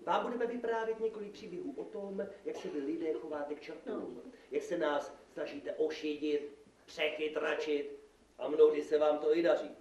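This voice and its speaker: A man's voice: fairly high pitch, darkish tone, highs cut off, close to an everyday voice. A man playing a jovial male devil who lectures people at a live puppet theater show, chuckling and playful. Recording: echoey room, from far off.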